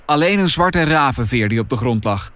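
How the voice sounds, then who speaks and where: A man's voice: mid-range voice, expressive, moderate pace, a bit bright, no room sound, close to an everyday voice. A man voicing a nervous, doubtful boy in a storybook reading, sounding anxious.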